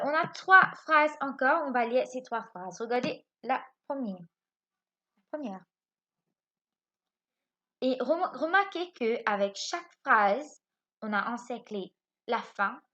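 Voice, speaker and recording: A woman's voice: fairly high pitch, a little slow, highs cut off. A woman teaching French grammar to young children in a recorded lesson, asking questions and answering them herself. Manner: lively, repeats points, asks questions and answers them herself. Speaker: primary school French teacher.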